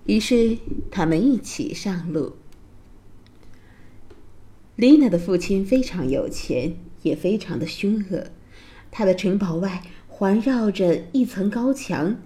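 A woman narrating a children's fairy tale in a slow, expressive storytelling voice. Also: medium pitch.

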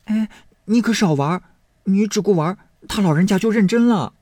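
A man's voice: sits high, normal speed, dark tone, dry recording, studio quality, voice pushed up. A man voicing a pert young servant girl who protests indignantly, in a storybook reading. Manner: pleading, indignant.

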